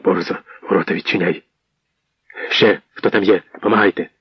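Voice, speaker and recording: A man's voice: sits low, steady tone, husky, dry recording. A man reading a nervous, fawning boyar host in an audiobook. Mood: anxious. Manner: nervous, hurried. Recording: dull muffled audio.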